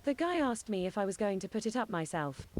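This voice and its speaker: A woman's voice: medium pitch, very animated, brisk. A woman co-hosting a livestream, reading viewer comments aloud in a plain, matter-of-fact way. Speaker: co-host reading chat messages.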